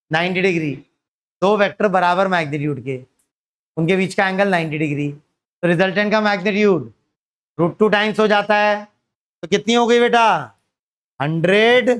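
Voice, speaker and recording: Male physics teacher with a high, smooth voice. Quizzes the class and answers his own questions. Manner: asks students questions and answers them himself, calls them beta. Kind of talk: classroom lecture.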